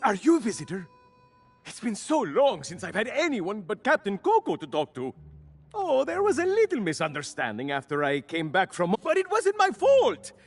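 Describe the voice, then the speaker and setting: An actor playing a lonely, jittery male prisoner in a video game, raspy and rambling with nervous eagerness. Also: sits high, wildly swooping pitch, moderate pace, faint music behind, heavily acted. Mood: eager, lonely. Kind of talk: video game character acting.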